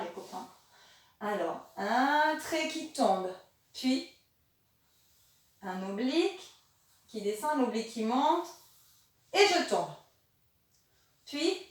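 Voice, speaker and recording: A woman teaching a remote lesson to young children, in a gentle, encouraging way, speaking slowly and articulating clearly. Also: fairly high pitch. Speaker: primary school teacher. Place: classroom or room with a board. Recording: very echoey room, voice from a distance.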